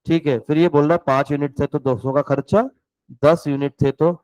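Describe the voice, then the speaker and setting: A man's voice: fairly high pitch, fairly even intonation, brisk, a little mellow, clear, resonant tone, dry recording, low-quality recording. A male economics teacher with a sore throat, lecturing a class and teasing his students while switching between Hindi and English definitions.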